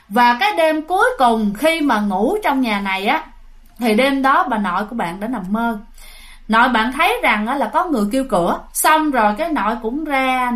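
A woman's voice: fairly high pitch, a bit bright. A woman telling a ghost story in a chatty way, often turning to her listeners directly. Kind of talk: spoken ghost story narration.

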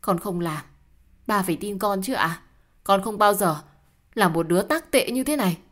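A woman's voice: mid-range voice, animated, normal speed, natural voice. A woman voicing a desperate young wife who pleads and protests in a storybook reading. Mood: pleading. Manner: pleading, indignant.

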